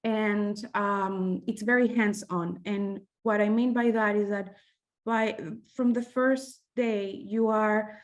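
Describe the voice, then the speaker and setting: Venezuelan woman giving a halting talk. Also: medium pitch, fairly even intonation. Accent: Venezuelan Spanish. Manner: halting, many fillers and restarts. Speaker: medical fellow presenting at a webinar. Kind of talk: conference presentation.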